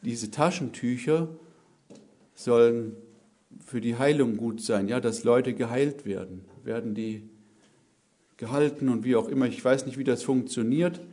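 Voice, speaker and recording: Man, preacher, slow measured delivery, earnest, emphatic sermon. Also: mid-range voice, warm tone.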